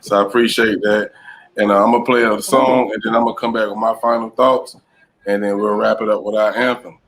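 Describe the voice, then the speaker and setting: A man hosting a live talk show, thanking his guests as he wraps up. His voice is low and gravelly, with plenty of vocal fry. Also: level tone, a little fast, poor audio. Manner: warmly thankful, wrapping up the show. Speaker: host.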